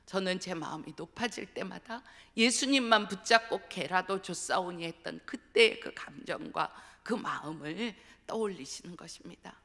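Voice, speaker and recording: A woman's voice: on the low side, expressive, normal speed, gravelly, few pauses, sharp tone. A middle-aged woman, a pastor's wife, giving an earnest testimonial sermon, telling her story and dropping to a whisper for emphasis. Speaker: guest speaker, pastor's wife. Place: church sanctuary. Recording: long reverb of a church hall.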